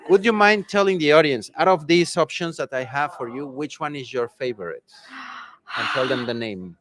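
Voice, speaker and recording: A man's voice: on the high side, lively intonation, normal speed, a bit bright. A man interviewing a guest at a conference in a casual, upbeat, promotional way.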